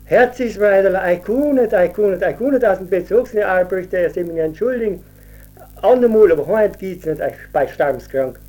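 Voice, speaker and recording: A man's voice: high-pitched, expressive, normal speed, warm tone, soft background music, voice pushed up. A man doing a whiny poacher faking sickness. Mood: complaining.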